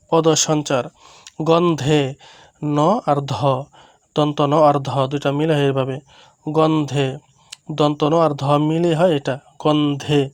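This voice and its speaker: A Bangladeshi Bengali-accented man teaches a primary school reading lesson, speaking each word slowly and then again. His voice sits a bit on the high side for a man. The recording is dry and close, with no room sound. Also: a little mellow, no room sound. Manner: slow, repeats each word twice, explains letters patiently.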